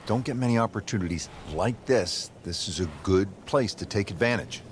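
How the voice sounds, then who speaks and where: A man playing a measured television golf commentator, calling play in a video game broadcast. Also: fairly low pitch, background noise, lightly acted. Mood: measured, engaged. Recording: music and crowd behind voice. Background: music and crowd.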